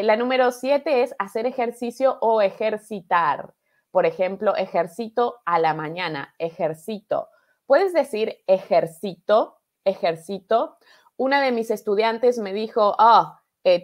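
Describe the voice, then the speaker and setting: A woman from Argentina with an Argentine accent, teaching a live online Spanish class in a patient, encouraging way that keeps checking in with the viewers. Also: mid-range voice. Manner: patient, encouraging, repeats and asks "¿verdad?". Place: home studio, live stream.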